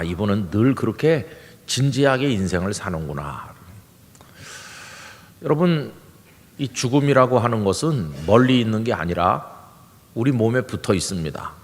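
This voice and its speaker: An older man preaching a sermon as pastor, telling stories and acting out the voices of people in them. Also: fairly low pitch. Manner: storytelling, acting out quoted voices. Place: large church sanctuary. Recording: long hall reverb.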